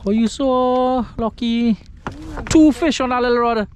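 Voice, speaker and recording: A man with a Trinidadian accent giving chatty, excitable running commentary while fishing from a small boat. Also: very high voice, unhurried. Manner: chatty, excitable, creole phrasing. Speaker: fishing vlogger. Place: outdoors on a small boat at sea. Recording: noisy outdoor water and wind.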